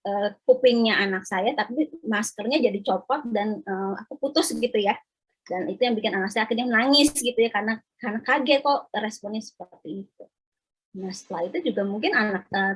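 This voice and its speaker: Woman, 30s, child psychologist, chatty parenting webinar, breathy tone, video-call mic. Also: a little high, rough recording. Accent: Indonesian. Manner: chatty, acts out children's voices in quick asides. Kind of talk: informal webinar talk for parents.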